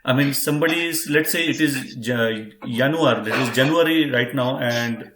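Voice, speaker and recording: A man's voice: mid-range voice, normal speed, a bit bright. Patient male language teacher, echoey room. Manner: patient, repeats and spells words out, addresses "friends". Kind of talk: online class teaching.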